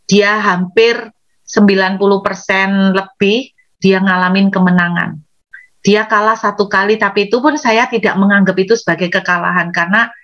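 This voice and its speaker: A woman from Indonesia preaches an animated sermon, talking straight to her listeners and leaping into acted outbursts. The recording is dull and lo-fi. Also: medium pitch. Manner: animated, addresses congregation directly, acts out angry outbursts.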